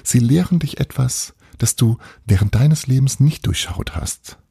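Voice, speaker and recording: A man's voice: medium pitch, a little slow, gravelly, breathy edge, dry recording, studio quality, pitched above the performer's own voice, full character voice. A man doing a cheeky playful boy. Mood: teasing. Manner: breezy, teasing, calm reassurance.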